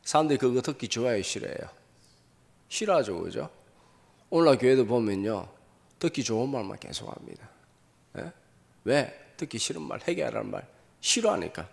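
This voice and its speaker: Gravelly male pastor preaching in a reverberant hall. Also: mid-range voice, lively intonation. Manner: rhetorical questions answered himself, drawn-out emphatic phrases. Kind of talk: Sunday sermon. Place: church sanctuary. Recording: long hall reverb from a church.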